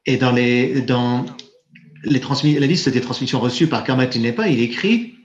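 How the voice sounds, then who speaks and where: A man giving a live interpretation of a Buddhist teaching, halting and correcting himself as he searches for words. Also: medium pitch. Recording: roomy, dull lo-fi sound.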